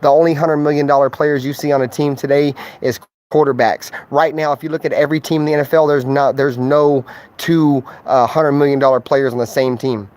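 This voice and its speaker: A man's voice: on the high side, steady tone, a little fast, a little mellow. A man streaming live as a sports fan, trash-talking in a loose, profane, slang-heavy way and rambling with lots of fillers. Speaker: sports livestreamer. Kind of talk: casual livestream trash talk.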